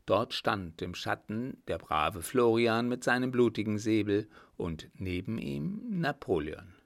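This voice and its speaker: A man reading a historical adventure novel aloud in a steady, measured narration. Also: on the low side, creaky. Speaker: audiobook reader. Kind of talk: scripted narration.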